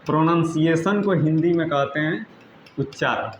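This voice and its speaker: A male teacher giving a patient, repetitive lesson, often checking that students follow and spelling words out slowly letter by letter. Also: fairly high pitch. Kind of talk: classroom-style lesson in Hindi. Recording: roomy, dull lo-fi sound with faint noise.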